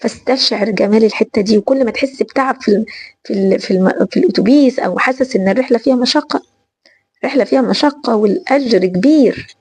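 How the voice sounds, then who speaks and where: A woman with an Egyptian Arabic accent giving a religious lesson in a lively, conversational way, repeating phrases for emphasis. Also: on the high side, fast, slightly rough, no room sound. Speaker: religious teacher.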